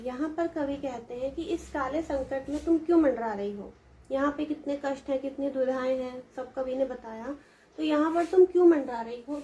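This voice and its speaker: A woman teacher who reads verse lines slowly and then explains them in plain talk to students. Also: high voice, dark tone, slight background noise, poor audio. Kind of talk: explaining a Hindi poem to students.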